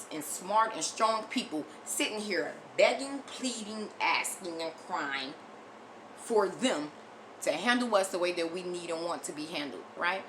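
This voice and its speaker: Low-voiced American woman, bright and emphatic. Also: slight background noise, low-quality recording. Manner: emphatic, blunt, repeats phrases for force; frequent swearing. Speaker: video commentator. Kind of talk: impassioned opinion monologue to camera.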